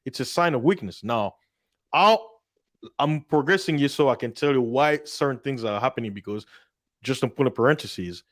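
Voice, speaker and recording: A man explains world events in casual talk, telling a story with animated energy and slipping into voices for the people he quotes. His voice sits at an ordinary middle pitch. The sound is dry and close, with no room around it. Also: moderate pace, no echo. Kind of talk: casual political discussion.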